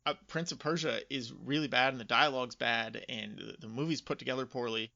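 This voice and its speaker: Here a man talks a little fast in a medium-pitched voice with vocal fry, sounding pushed and bright though steady in tone. He co-hosts a casual podcast chat about video game movies, giving emphatic, informal opinions; the recording is close, slightly dull, with no room sound.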